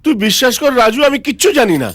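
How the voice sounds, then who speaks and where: A man's voice: extremely high pitch, expressive, racing, fairly bright tone, heavily acted. An actor playing the father's indignant old friend in a comic film scene. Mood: protesting.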